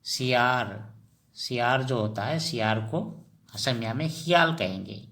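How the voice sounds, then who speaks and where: A man teaching vocabulary in Hindi, repeating each word slowly and asking and answering his own questions as he addresses viewers as friends. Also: medium pitch, expressive, fairly bright tone. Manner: slow and repetitive, drills each word. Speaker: language teacher.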